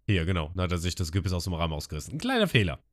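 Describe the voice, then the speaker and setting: Low voiced guy recapping an episode for a podcast, chatty and animated. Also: very fast. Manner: lively storytelling, laughs often. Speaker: podcast co-host. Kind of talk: casual retelling of an episode.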